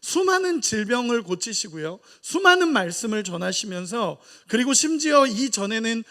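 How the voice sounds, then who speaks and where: Animated male pastor preaching high. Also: normal speed. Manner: animated, addresses the congregation directly. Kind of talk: sermon. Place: church sanctuary.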